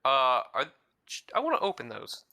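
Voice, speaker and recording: A man's voice: mid-range voice, wildly swooping pitch, normal speed, vocal fry, sharp tone, no room sound, studio quality. A man playing in a tabletop game, asking questions about the scene before his character acts. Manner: questioning, checking details before acting. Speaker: player. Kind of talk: casual tabletop play.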